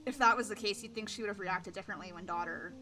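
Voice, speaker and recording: A woman's voice: medium pitch, quick pace. A woman streamer giving chatty, rambling commentary during a live stream, laughing often.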